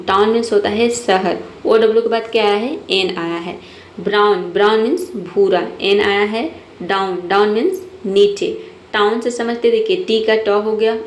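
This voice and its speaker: A woman's voice: mid-range voice, a little mellow. Female phonics teacher; patient and methodical, room echo, faint hiss. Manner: patient, methodical, repeats "ठीक है" often. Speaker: English teacher. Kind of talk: phonics lesson explaining rules step by step. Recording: echoey room, faint noise.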